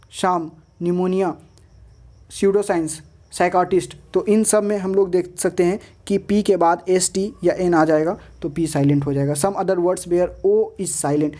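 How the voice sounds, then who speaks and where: A woman teaching an English lesson, reading each rule out slowly, then listing example words. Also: on the low side, dark tone. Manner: slow deliberate reading of rules, then lists examples; switches between Hindi and English. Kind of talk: explaining lesson over slides.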